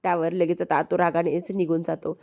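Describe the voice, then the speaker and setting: A woman's voice: on the low side, level tone, brisk, darkish tone. A woman retelling a TV serial episode in a plain storytelling recap. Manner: plain retelling, frequent "म्हणत असतो".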